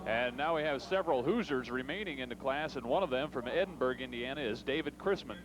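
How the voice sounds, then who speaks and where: A man commentating on a tractor pull, introducing and analysing runs in a measured, explanatory way. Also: medium pitch, a crowd in the background. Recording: noisy outdoor track, engines behind. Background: outdoor ambience and vehicle noise.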